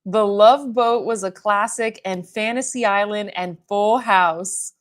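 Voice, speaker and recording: A woman in her thirties speaks slowly in a mid-range voice while hosting a beauty livestream from home, doing her makeup in front of a mirror. She chats casually and rambles, reading out viewer comments and dropping "like" again and again.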